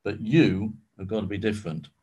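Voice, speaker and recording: Guy with a lowish voice leading a bible study, chatty explaining, lots of ums and restarts. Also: fairly even intonation, fairly quick, a little mellow, husky. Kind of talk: informal teaching talk.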